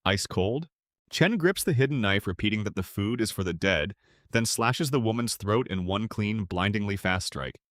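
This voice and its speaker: A man narrating a comic story recap in a brisk, dramatic way with sarcastic asides. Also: on the low side, animated, a bit bright, no room sound, studio quality.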